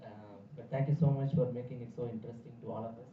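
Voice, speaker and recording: A man's voice: mid-range voice, level tone, racing, a little hiss or hum. A man, an event moderator thanking the speaker with hesitant fillers. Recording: distant echoey dull hall mic.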